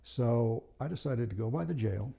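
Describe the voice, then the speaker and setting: A man recalling his years on the force, in a casual, anecdotal storytelling style. His voice sits at an ordinary pitch but is dark and mellow, with a gravelly edge. He tells it plainly and matter-of-factly. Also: lively intonation, moderate pace, dull audio. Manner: plain-spoken, matter-of-fact. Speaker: former police officer telling stories.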